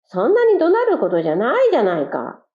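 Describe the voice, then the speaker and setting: Clumsy quail, bickering and defensive, high and quick, voiced by a woman narrator. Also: huge pitch swings, echoey room. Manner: defensive, whiny, fast arguing. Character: careless quail, quick to take offense. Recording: dull lo-fi recording.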